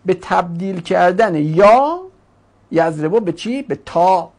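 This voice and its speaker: A woman's voice: on the low side, lively intonation, a little mellow. A woman teaching a grammar lesson, putting questions to the class, answering them herself, and giving grammar forms their own voices. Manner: acts out grammar forms as talking characters.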